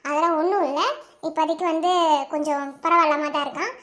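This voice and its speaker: A voice actor playing a calm woman doctor who soothes a worried family and repeats her reassurances. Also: high voice, quick pace. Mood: reassuring.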